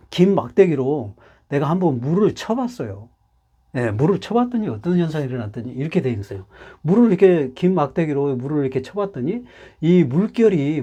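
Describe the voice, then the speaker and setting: A man's voice: a little high, dark tone, breathy edge. A man giving a character lesson, explaining patiently and repeating himself often. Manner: explains patiently with many repetitions. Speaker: Hanja teacher. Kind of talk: lively lecture explaining Chinese characters.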